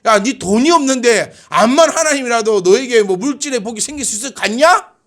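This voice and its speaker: A man's voice: very high-pitched, lively intonation, brisk, fairly bright tone, pitched above the performer's own voice. A man voicing a boastful ancient king who jeers at his enemy and mocks their God. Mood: taunting. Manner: mocking, jeering.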